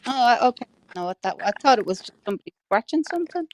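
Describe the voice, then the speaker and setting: A woman's voice: on the high side, very animated, very fast, a little hiss or hum. A woman with an Irish accent chatting casually in an online voice chat, laughing often and telling funny stories with plenty of swearing. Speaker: panel member.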